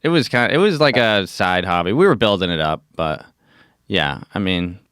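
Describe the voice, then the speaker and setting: A man's voice: low-pitched, big pitch swings, normal speed, a bit bright, clear, resonant tone, dry recording, clean studio sound. A man in his thirties, a comedian guest in casual podcast chat, laid-back and self-mocking, trailing off with fillers. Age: 30s.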